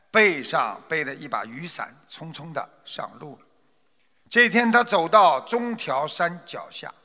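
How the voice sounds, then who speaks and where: High, animated male storyteller in reverb. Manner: expressive, dramatic, lecturing. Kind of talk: moral storytelling with commentary.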